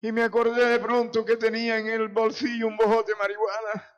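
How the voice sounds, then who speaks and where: A man's voice: high-pitched, monotone, brisk, muffled recording. A man in his sixties from Venezuela, a pastor giving a fervent, emotional personal testimony full of praise exclamations. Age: 60s.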